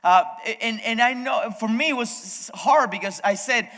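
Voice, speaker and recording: With a very high, bright, and forceful voice, a man whose first language is Spanish preaches unhurriedly at a church service. He chats directly with the congregation, regularly breaking off to begin sentences again, and the recording has the echo of a hall.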